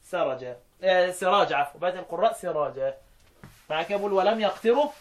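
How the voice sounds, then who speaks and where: Leading a Quran recitation class, an Egyptian Arabic-accented man slowly chants verses, then explains them at speed and puts questions to his students. His voice sits high, with lively intonation.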